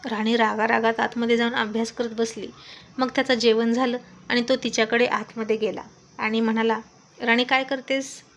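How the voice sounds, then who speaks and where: A woman's voice: on the high side, fairly quick. Woman narrating a story. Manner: even, descriptive storytelling. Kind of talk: scripted narration.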